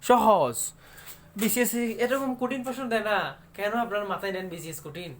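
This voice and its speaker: A man with a somewhat high voice teaches an exam-prep lesson online. He talks emphatically, repeats his points and keeps asking viewers if they understand. Faint noise sits under the recording. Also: normal speed, fairly bright tone. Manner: emphatic, repetitive, coaxing questions to viewers.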